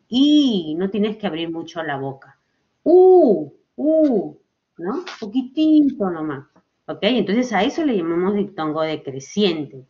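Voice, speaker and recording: A woman teacher gives a children's language lesson, stretching out example words and often checking with "ok?". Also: fairly low pitch. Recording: dull lo-fi recording.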